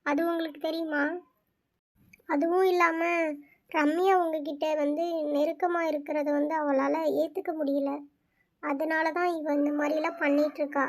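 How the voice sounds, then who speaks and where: A woman's voice: sits high, level tone, moderate pace, natural voice. A woman voicing Nandhini, anxious young friend. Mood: earnest. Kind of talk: cartoon voice acting.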